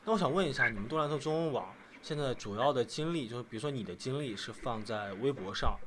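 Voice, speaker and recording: A man's voice: medium pitch, animated, fast talker, background noise. A man hosting an interview podcast, asking probing questions and giving brief acknowledgments. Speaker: podcast host.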